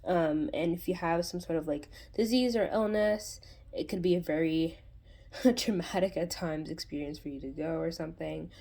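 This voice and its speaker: A woman's voice: deep voice, normal speed, vocal fry, mellow. A woman hosting her own channel, giving a casual spoken tarot reading in a rambling way, full of fillers and restarts. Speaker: tarot reader and channel host.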